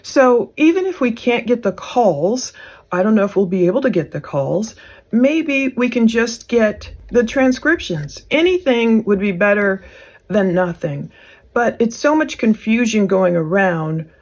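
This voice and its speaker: A woman's voice: fairly high pitch, big pitch swings, unhurried. Woman giving casual true crime commentary. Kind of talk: casual commentary on case documents.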